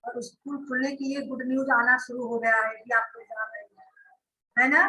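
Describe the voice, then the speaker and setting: A woman's voice: on the high side, fairly even intonation, moderate pace, pushed and bright, echoey room, rough recording. A woman schoolteacher giving an online grammar class, explaining step by step and often checking that her students follow. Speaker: school teacher.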